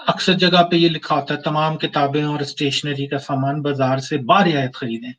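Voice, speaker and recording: Man, lecturer, slightly high voice, patient explaining, distant muffled mic. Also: steady tone, a bit bright, a little hiss or hum. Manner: explains slowly, repeats phrases to show ambiguity. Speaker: university lecturer. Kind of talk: recorded online lecture.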